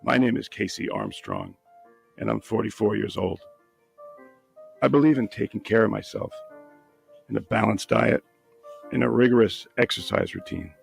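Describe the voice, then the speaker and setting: A man playing a vain, self-obsessed man reciting his grooming routine in a smug, deliberate monologue. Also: lowish voice, wildly swooping pitch, gravelly, faint music behind, full character voice.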